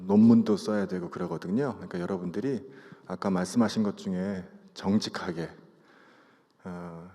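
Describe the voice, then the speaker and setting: Man on a chapel PA, very low and mellow, halting with fillers, long hall reverb. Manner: halting, with many filler sounds. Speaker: chapel service leader giving announcements. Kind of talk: announcements at a chapel service.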